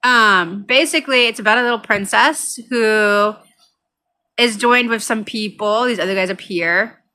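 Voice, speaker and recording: A woman chatting casually on her gaming channel in a giggly, cutesy way, often drifting into baby talk. Her voice is bright and sharp, at an ordinary mid pitch. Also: unhurried, clean tone. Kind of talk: casual unedited vlog chat.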